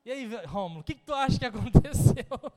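High-voiced Brazilian preacher man, lively storytelling. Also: brisk, big-room sound, soft background music. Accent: Brazilian Portuguese. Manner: storytelling, humorous, acts out dialogue. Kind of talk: sermon. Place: church hall.

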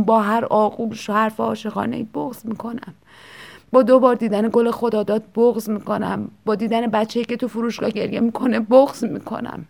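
Female storyteller, mid pitch, gravelly texture, soft intimate delivery with whispered touches. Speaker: story reader. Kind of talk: scripted storytelling narration.

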